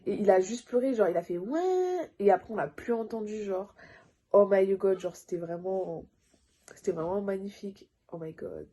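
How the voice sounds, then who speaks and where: A young adult woman telling a personal story in a casual storytime vlog, animated and full of filler words. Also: mid-range voice, normal speed, highs cut off. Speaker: vlogger.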